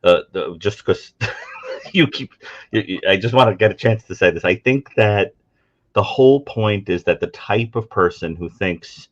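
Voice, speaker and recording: A man with a fairly low voice gives his opinion as a panelist. He presses his point insistently. The recording sounds a touch muffled. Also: measured pace.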